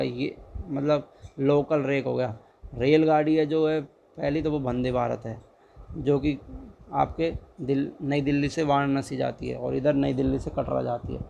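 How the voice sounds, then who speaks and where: A man's voice: on the high side, creaky, a little mellow, highs cut off, slight background noise. A young man tutoring exam questions in a casual, chatty way, repeating each answer and urging viewers to like and subscribe. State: dry throat.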